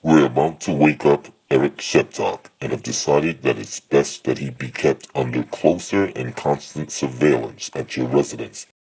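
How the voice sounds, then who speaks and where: Cold authority man, played by an actor, rumbling low husky voice, formal drama delivery. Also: moderate pace, hardly any pauses, darkish tone, full character voice, low-quality recording. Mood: cold, official. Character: cold official male surveillance authority.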